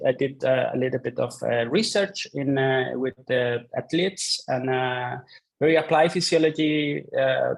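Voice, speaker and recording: A man's voice: medium pitch, vocal fry, low-quality recording. A man in his thirties from Chile with a Chilean accent, a Spanish speaker talking in English as the guest of an interview, polite and hesitant with many fillers. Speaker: guest researcher. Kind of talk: casual interview chat.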